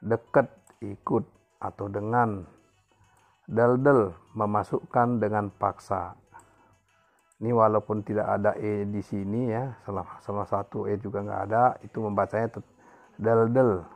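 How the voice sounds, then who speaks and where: A man's voice: lowish voice, little pitch movement, measured pace, long pauses, soft background music. A man teaching a local language, reading a dictionary word by word, stressing each headword and repeating it, then giving its meaning. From Indonesia. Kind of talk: slow word-list reading lesson.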